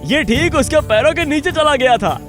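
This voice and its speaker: A man presenting an outdoor wildlife show in an excited, explaining way, exclaiming often. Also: very high-pitched, normal speed, music in the background. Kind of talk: Hindi dub of an outdoor wildlife vlog.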